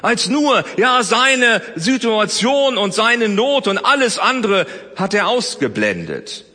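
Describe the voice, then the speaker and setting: A man preaching a sermon, swinging between loud emphasis and soft, close speech. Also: sits high, sing-song, takes it slowly, in a large hall. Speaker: pastor.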